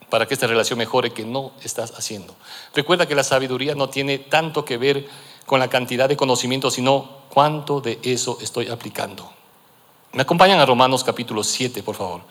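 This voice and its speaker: A man's voice: mid-range voice, fairly quick, fairly bright tone. A man preaching a sermon to a congregation, often checking in with listeners and climbing into emphatic preaching. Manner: rhetorical asides, frequent "¿sí?" checks; rises to emphatic preaching at climaxes. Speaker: pastor.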